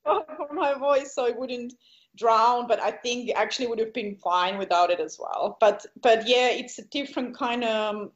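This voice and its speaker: A woman's voice: on the high side, moderate pace, highs cut off. A Finnish woman being interviewed about her singing, speaking English with a Finnish accent, searching for words and laughing often. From Finland. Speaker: guest singer. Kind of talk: casual interview chat.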